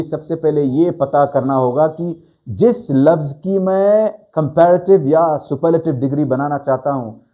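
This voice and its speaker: Animated, dark-toned male grammar teacher. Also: a little high. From South Asia. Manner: explains slowly, stretches and stresses words. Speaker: English teacher. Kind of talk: grammar lesson.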